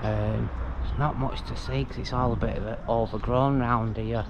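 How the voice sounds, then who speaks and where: A man's voice: medium pitch, steady tone, moderate pace. A middle-aged man giving casual, matter-of-fact commentary as he walks through an abandoned hotel. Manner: chatty, matter-of-fact, mild swearing. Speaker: urban explorer vlogger. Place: abandoned hotel and overgrown grounds, in and out of doors. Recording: lo-fi camera audio with background noise.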